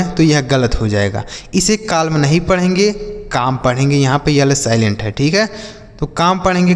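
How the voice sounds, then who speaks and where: Man, beginner English lesson, slow deliberate delivery, higher voice, spells out words, long reverb. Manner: spells words letter by letter and repeats them; asks and answers his own questions. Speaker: English teacher.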